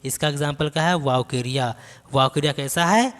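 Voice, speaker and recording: A male biology teacher giving an exam-prep lecture. He dictates notes slowly, then explains them and quizzes the class with repeated questions. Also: a little high, a bit bright, long reverb tail.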